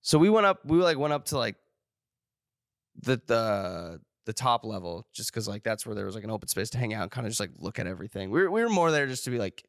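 A man's voice: on the low side, big pitch swings, fast talker, fairly bright tone, no room sound, clean studio sound. A young man co-hosting a podcast, rambling through a story with lots of filler words. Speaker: podcast co-host. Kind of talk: casual podcast chat.

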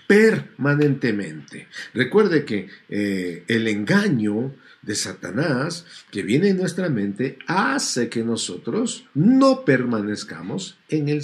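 A man's voice: medium pitch, very animated, takes it slowly. A man preaching a sermon to a congregation, stretching out key words and asking rhetorical questions.

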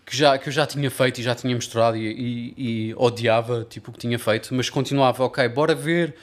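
A man's voice: mid-range voice, little pitch movement, fast talker. A man with a European Portuguese accent chatting casually as a music producer, swearing and dropping English phrases into his slangy talk. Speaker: music producer and mix engineer. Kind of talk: casual podcast chat.

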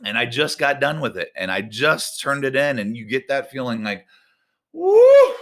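A man leads a casual devotional talk as a volleyball coach. He speaks in an animated, conversational way, full of fillers, in an average-pitched voice. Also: normal speed. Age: 40s.

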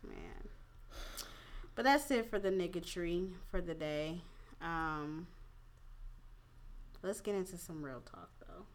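A woman's voice: on the low side, slow pace, long pauses, a little hiss or hum. A slightly tipsy woman hosting a casual opinion talk, speaking candidly in slangy, profane, informal phrasing. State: a little tipsy. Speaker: podcast host.

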